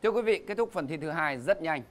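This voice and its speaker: A man's voice: on the high side, lively intonation, quick pace, very noisy. A middle-aged man hosting a game show, with joking, teasing banter and theatrical emphasis. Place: TV studio stage.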